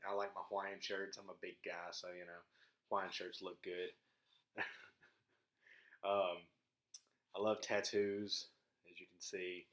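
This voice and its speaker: This vlog host, a man from rural Mississippi in the southern United States, chats casually with viewers in a Southern accent, laid-back, halting and folksy. His voice is low-pitched and a bit bright, with a flat delivery.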